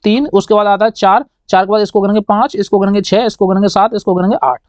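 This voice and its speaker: A man's voice: sits high, fairly even intonation, fast talker, no echo. A man teaching an online maths lesson to children, coaxing them along and quizzing them on what number comes next. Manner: coaxing, keeps asking kids "what comes next, beta?". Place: indoor teaching setup writing with a pen. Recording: dry, dull lo-fi sound.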